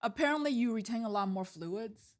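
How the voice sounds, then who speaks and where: A woman's voice: a little high, animated, brisk. Giggly young woman, casual podcast chat. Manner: giggly, hesitant, lots of fillers. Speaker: podcast co-host.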